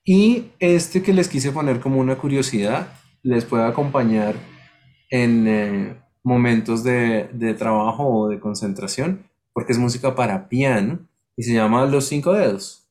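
A man's voice: mid-range voice, measured pace, a little mellow. A man teaching a music appreciation class over a video call, explaining patiently and tapping out rhythms on sung syllables. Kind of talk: online class lecture.

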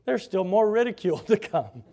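High-voiced animated male preacher. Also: moderate pace. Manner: animated, mocking voices when quoting scoffers. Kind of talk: sermon.

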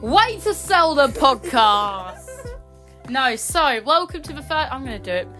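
Teen girl hosting a chill podcast, bit high voice, giggly and chatty, faint music under it. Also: big pitch swings, measured pace, pushed and bright. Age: teens. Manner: chatty, giggly, leads the segments. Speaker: podcast co-host. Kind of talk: casual chat.

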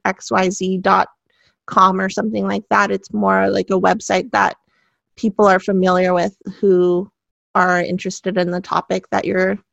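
A woman's voice: medium pitch, gravelly, a bit bright, no echo, muffled recording. Woman podcast co-host, chatty, laughs a lot, dry close sound. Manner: giggly, chatty, quick asides. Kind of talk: casual podcast chat.

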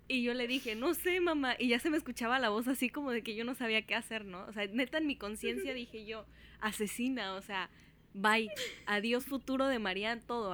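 A Mexican woman tells a childhood story in relaxed conversation, her voice set a little high. She jumps up and down in pitch to act out what each person said, and she keeps a lively, chatty pace. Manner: animated, acts out quotes with big pitch jumps. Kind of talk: casual storytelling chat.

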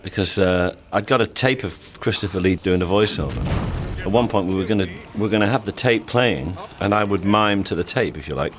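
A man's voice: deep voice, brisk, noisy background. A man actor giving film commentary, telling candid anecdotes about the shoot.

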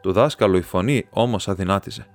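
A man reading a classic short story aloud in a calm storytelling voice. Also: lowish voice, vocal fry, soft background music. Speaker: audiobook reader.

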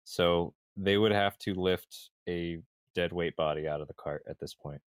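A man's voice: low-pitched, fairly even intonation, moderate pace, clean tone, dry recording, clean studio sound. A man playing a tabletop game, describing his character's moves in a playful way. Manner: playful, laughing often between in-character choices. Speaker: player.

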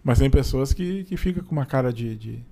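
A man's voice: mid-range voice, lively intonation, a little fast, vocal fry, warm tone. A man with a southern Brazilian Portuguese accent, telling his experiences in a casual, colloquial podcast chat and acting out bits of dialogue. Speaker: podcast guest. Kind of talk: casual conversational storytelling.

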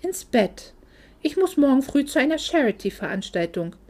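A woman's voice: sits high, very animated, moderate pace, darkish tone. A woman voicing a cold, dismissive middle-aged mother who talks down to her grown daughter in a curt, condescending way. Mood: cool, reproachful.

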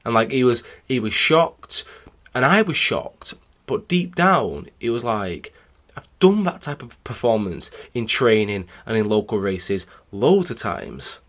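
A man's voice: medium pitch, measured pace. A man, a cycling coach telling stories animatedly on a solo podcast. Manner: animated storytelling, acting out remembered exchanges.

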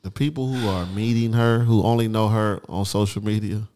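A man's voice: fairly low pitch, steady tone, fairly quick, warm tone. A man co-hosting a podcast in casual, teasing banter, telling playful stories. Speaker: co-host.

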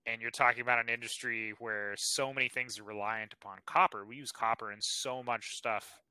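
A man's voice: mid-range voice, steady tone, fairly quick, pushed and bright, clear, resonant tone, no echo, rough recording. A married man co-hosting a casual podcast, explaining things in a confident, informal way. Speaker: podcast co-host. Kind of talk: casual chat.

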